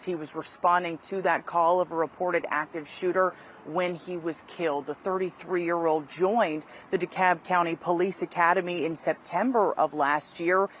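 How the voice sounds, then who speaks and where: Woman reporter doing a scripted live hit, lowish voice, bit of street noise. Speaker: field news reporter. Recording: light outdoor traffic noise.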